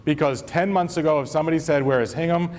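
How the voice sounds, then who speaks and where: Slight background noise accompanies a man whose voice runs high, quick and darkish in tone. He's a superintendent from Maine, kidding around with his staff and running himself down in a chatty convocation speech before a live crowd in a big hall.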